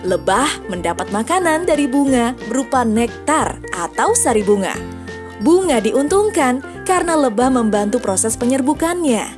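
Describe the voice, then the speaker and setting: A woman's voice: high voice, sing-song, moderate pace. A woman narrating an educational cartoon for children, friendly and asking the young audience questions. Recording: music playing behind.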